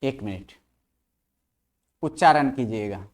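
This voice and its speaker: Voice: mid-range voice, animated, slow. A teacher giving an online language lesson, who keeps asking the class questions and repeats each sound aloud to drill pronunciation.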